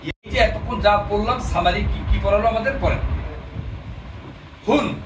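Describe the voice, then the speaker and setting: A man's voice: sits high, normal speed. A man teaching a language class, explaining patiently and often asking his students questions. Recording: echoey room, distant mic, noisy.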